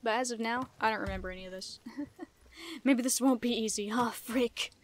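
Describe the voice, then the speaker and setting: A young woman gamer narrates her play in a casual, playful, chatty way, dropping giggly asides as game music plays. Her voice is a little high at a moderate pace, with slight hiss or hum.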